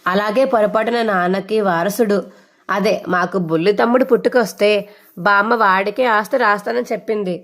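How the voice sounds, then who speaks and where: A woman's voice: mid-range voice, normal speed, fairly bright tone, close to an everyday voice. A woman voicing a grown son who teases his mother in a mock-serious, dramatic way.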